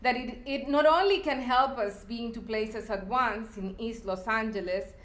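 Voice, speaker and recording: Brief: female artist from El Salvador, lecture-hall talk, higher voice, roomy echo, thoughtful with pauses. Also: a bit bright. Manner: reflective, with fillers and restarts. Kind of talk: public art lecture.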